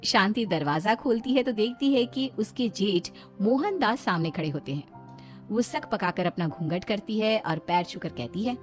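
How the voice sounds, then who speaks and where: Over background music, a woman narrator with a mid-pitched voice reads a scripted moral story in cartoon storytelling style. She sounds expressive and speaks at a normal speed.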